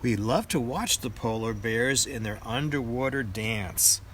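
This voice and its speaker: Older man, grandpa voice, unhurried pace, children's book read-aloud, faint background noise. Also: medium pitch, animated, a bit bright. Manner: grandpa voice, deliberate storytelling. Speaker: storybook reader, grandfather.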